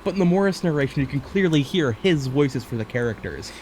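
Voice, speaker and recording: A man's voice: a little high, lively intonation, brisk, darkish tone, slight background noise. A man co-hosting a podcast, talking in a loose, rambling way with lots of fillers, restarts and swearing. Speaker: podcast co-host. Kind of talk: casual chat.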